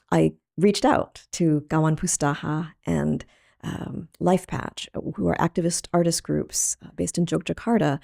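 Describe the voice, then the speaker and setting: A middle-aged woman from Thailand speaks as a guest in an interview, her low voice thick with gravelly fry. She talks in a reflective, halting way, circling back to find the right word. The sound is dark and dry. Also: no echo. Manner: thoughtful, halting, laughs easily. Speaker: artist guest.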